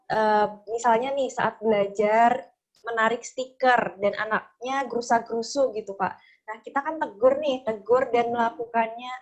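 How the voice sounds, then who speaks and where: A woman's voice: a little high, rough recording. A woman moderates a webinar question-and-answer session, reading out questions and announcements in a friendly, chatty way over a video call. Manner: friendly, chatty, with frequent "nih" and "gitu ya" fillers.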